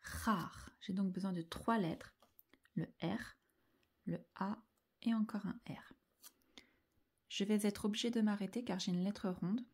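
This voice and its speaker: A woman teacher guides young children through writing syllables, taking her time over every sound. Her voice is mellow and a little husky, and she often sinks into a soft half-whisper as she spells each letter out. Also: medium pitch, steady tone, measured pace, pauses often. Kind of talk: handwriting lesson for young children.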